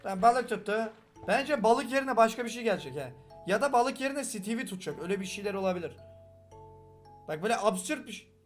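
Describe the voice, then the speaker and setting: Young male gaming host, regional Turkish dialect, rapid joking delivery, higher voice over light background music. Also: expressive. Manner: fast-talking, joking, swears often. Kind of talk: casual reaction commentary.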